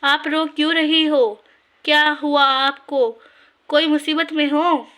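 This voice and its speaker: A woman's voice: high voice, flat delivery, takes it slowly, fairly bright tone. A woman voicing a concerned, inquisitive fellow passenger in a read-aloud story.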